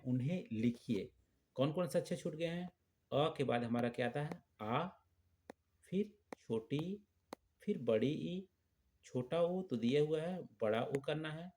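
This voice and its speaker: A man's voice: medium pitch, darkish tone, slight background noise. A man teaching young children, patiently spelling out letters and words one by one.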